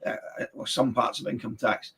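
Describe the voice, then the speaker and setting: A man's voice: medium pitch, steady tone, moderate pace, gravelly, fairly bright tone, slight background noise. A man earnestly explaining policy in detail in a political interview, sometimes stammering on the start of words. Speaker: election candidate being interviewed.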